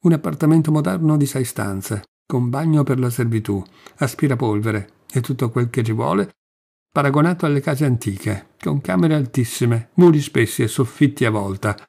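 A man reading a literary novel aloud in a measured, steady manner, with a gravelly voice. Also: mid-range voice. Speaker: audiobook narrator. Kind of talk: literary audiobook narration.

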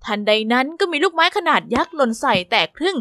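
A young woman narrating an animated story in the first person, expressive and exclaiming. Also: high-pitched, fast, dry recording, clean studio sound.

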